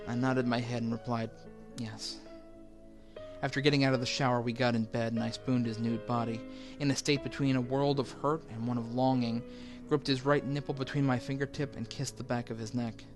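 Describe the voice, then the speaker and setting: Man reading a creepy story in first person, steady and somber, quiet music behind. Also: medium pitch, fairly quick. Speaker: horror story narrator. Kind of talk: first-person scripted horror narration. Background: faint background music.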